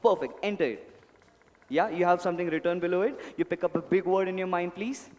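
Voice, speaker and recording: A man's voice: sits high, brisk, a little mellow. A man performing as a stage mentalist, talking to volunteers in a polite showman's patter. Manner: showman, polite, addresses volunteers with repeated pleas. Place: indoor event hall, on stage. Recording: echoey hall PA, music behind.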